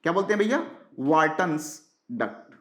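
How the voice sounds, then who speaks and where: High-voiced man teaching biology, echoey room. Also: lively intonation, moderate pace, fairly bright tone. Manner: rhetorical questions answered by himself; mixes English science terms into Hindi. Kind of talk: exam-prep lecture.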